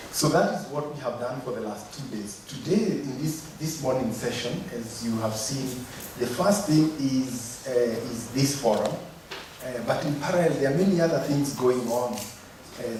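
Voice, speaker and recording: A man giving opening remarks as forum chair, hesitant with many fillers. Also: mid-range voice. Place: hotel conference room. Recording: echoey conference hall, mic far off, noisy.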